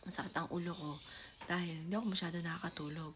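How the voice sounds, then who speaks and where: A middle-aged woman telling a vlog story at home, often half-whispering and now and then bursting into loud calls. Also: on the low side, steady tone, very fast. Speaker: vlogger. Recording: noisy home ambience.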